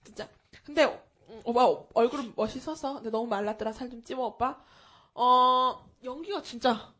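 A woman's voice: a little high, moderate pace, fairly bright tone. A woman co-hosting a casual movie-review talk show, sarcastic and teasing, often speaking straight to the listeners. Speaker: podcast co-host.

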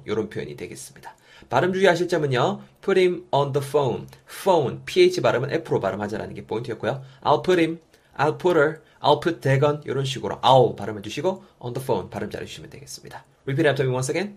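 Guy teaching english, husky voice, pitch jumps all over, keeps repeating phrases for you to copy. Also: moderate pace. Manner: animated, repeats example phrases for learners to copy. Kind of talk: energetic spoken lesson with drills.

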